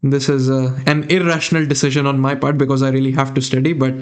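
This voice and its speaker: Here the young Indian chess streamer talks fast in a medium-pitched, level voice with a clean tone. Speaking with an Indian accent from a small room, he thinks through the game out loud while chatting with viewers.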